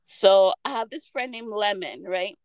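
A woman co-hosting a casual podcast chat, telling stories in an animated, giggly way. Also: mid-range voice, unhurried, no room sound, rough recording. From Utah, US. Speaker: podcast co-host.

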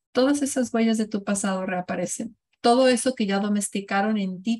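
A woman's voice: medium pitch, a little mellow. A woman leading a parenting workshop, speaking reflectively and often asking her listeners questions. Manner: reflective, asks the audience questions. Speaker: parenting coach. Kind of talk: live online workshop talk.

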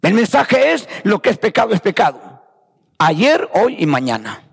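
A man's voice: high-pitched, very animated, measured pace, vocal fry, husky, long reverb tail. A man preaching a fervent sermon, repeating phrases and calling his listeners brothers. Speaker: pastor.

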